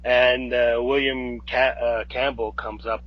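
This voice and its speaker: A man's voice: mid-range voice, little pitch movement, measured pace. A man co-hosting a podcast, retelling a film's plot step by step in a hesitant, casual way. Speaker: podcast co-host. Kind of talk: casual film discussion. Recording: dull lo-fi podcast audio.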